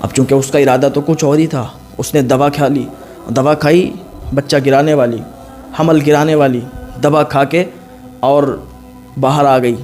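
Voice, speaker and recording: A man's voice: fairly even intonation, a little slow, a little mellow, faint music behind. A male Islamic preacher telling a moral story, acting out the voices of the people in it. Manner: acts out quoted voices, rising in pitch and force. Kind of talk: emotional storytelling sermon.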